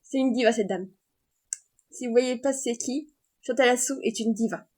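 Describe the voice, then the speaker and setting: A woman vlogger in casual chat, running through entertainment announcements with excitable fan chatter that trails off and restarts. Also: fairly high pitch, moderate pace. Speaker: vlogger sharing entertainment news.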